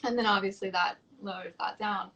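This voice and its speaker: A woman's voice: mid-range voice, fairly even intonation, brisk, sharp tone, poor audio. A woman guest coach in a casual podcast conversation, easygoing, laughing often and saying like a lot. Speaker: guest, self-love coach.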